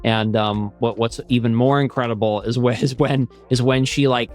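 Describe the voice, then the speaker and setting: A man hosts a casual podcast chat in an ordinary mid-pitched voice. He rambles and restarts his sentences, leaning on fillers as he thinks aloud. Faint music runs behind him. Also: steady tone. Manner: rambling, halting, many restarts and "like". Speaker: podcast host.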